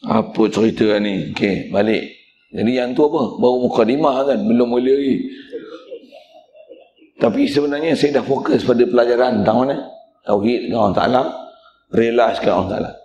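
A man's voice: mid-range voice, a little fast, pauses often, a little mellow, roomy sound, highs cut off, a little hiss or hum. A male religious teacher, giving a mosque lecture in a blunt, teasing way and speaking straight to the congregation.

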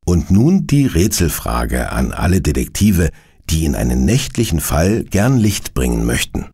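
Brief: male narrator for a children's audio drama, gravelly voice, lively tone. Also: rumbling low, unhurried. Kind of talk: scripted storytelling for children.

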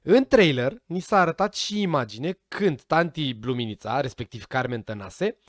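A vlogger reacts to a series trailer, offering chatty, speculative commentary to his viewers and sometimes stumbling over names. His medium-pitched voice is expressive, recorded at studio quality with no room sound.

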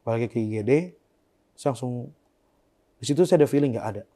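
A young man as an interview guest, telling a painful personal story in a soft, subdued way that often trails off quietly. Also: mid-range voice, fast.

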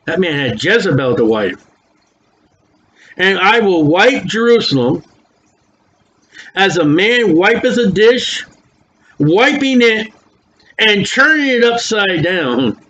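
A man's voice: high-pitched, very animated, fairly bright tone. An older man preaching, reading scripture aloud with emphatic, folksy commentary, his s sounds whistling through dentures. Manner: emphatic, folksy asides between slowly read verses. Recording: dull lo-fi recording with faint noise.

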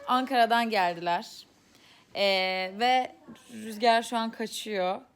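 A woman's voice: on the high side, measured pace, slight background noise. A young woman vlogging casually at home with her cousins, laughing often and teasing. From Turkey. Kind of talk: casual vlog chat.

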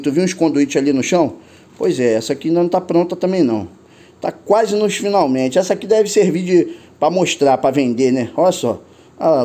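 An older man with a Carioca accent, narrating his drone vlog in an excitable, slangy way, laughing often and calling out to his viewers. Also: on the high side. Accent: Carioca Portuguese. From Rio de Janeiro, Brazil. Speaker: drone vlogger.

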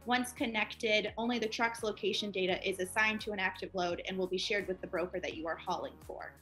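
A woman's voice: medium pitch, steady tone, a little fast, pushed and bright, faint music behind. A woman in her twenties, a guest on a company interview, explaining eagerly over a video call. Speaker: project manager guest.

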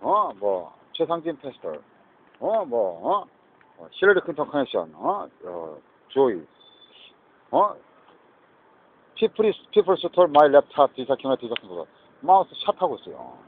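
A man's voice: fairly high pitch, huge pitch swings, slow pace, long pauses. Man rambling over a tinny phone line. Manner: mixes Korean and English, repetitive, agitated asides. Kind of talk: rambling self-recorded monologue. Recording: tinny phone-like audio with faint noise.

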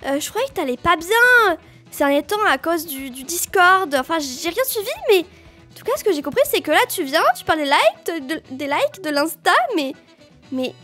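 A woman's voice: extremely high pitch, lively intonation, normal speed, sharp tone, faint music behind. A woman YouTuber role-playing as a psychologist in a comedic game role-play, talking in a flustered, hesitant way. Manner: flustered, hesitant, lots of fillers.

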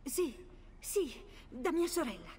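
An actress playing a distressed, loyal household servant with a husky voice in dramatic game dialogue. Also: female voice, sits high, big pitch swings, takes it slowly, a little mellow, big-room sound, slight background noise, exaggerated voice. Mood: worried, urgent.

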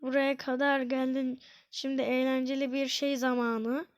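A woman giving casual let's-play commentary on a quiz game, excitable, repeating words over and over and whining when she loses. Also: sits high, normal speed, smooth. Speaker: gaming channel host.

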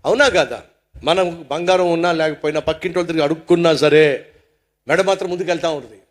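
A middle-aged male pastor telling a story in a sermon, animated and asking his audience rhetorical questions. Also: fairly high pitch, quick pace.

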